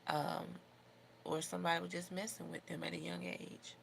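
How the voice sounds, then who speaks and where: An American woman hosts a casual livestream in a fairly low voice with plenty of fry. She talks informally, rambling from thought to thought and giving her opinions freely. There is some noise in the recording behind her. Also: little pitch movement, normal speed. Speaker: livestream host doing her makeup. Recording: noticeable background noise.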